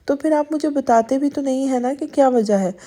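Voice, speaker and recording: Shy storybook wife, hesitant and pleading, high mellow voice, read by a woman. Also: lightly acted. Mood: timid. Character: timid young wife, pleading and tearful.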